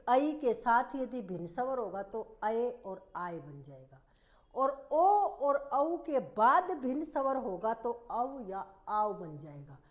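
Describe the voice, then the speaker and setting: A woman teacher giving a slow, repetitive grammar lesson, asking the class questions as she explains. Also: on the high side. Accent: Hindi.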